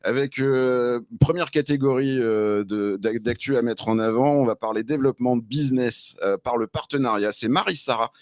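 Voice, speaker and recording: A man's voice: medium pitch, moderate pace, hardly any pauses, a little mellow, no echo, studio quality. A man co-hosting a live web radio show, reading member news with a teasing, hesitant manner. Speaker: co-host. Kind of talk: casual radio chat.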